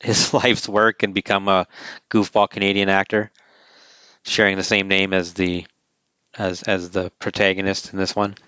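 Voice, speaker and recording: A man's voice: low voice, level tone, moderate pace, sharp tone, smooth, no echo. A man co-hosting a podcast in casual chat, making wry joking asides. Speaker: podcast co-host.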